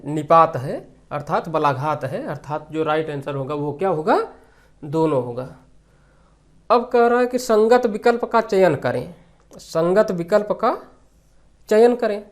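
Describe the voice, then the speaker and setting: A man teaching an exam-prep grammar lesson, asking questions and answering them himself, repeating the key terms. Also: high-pitched.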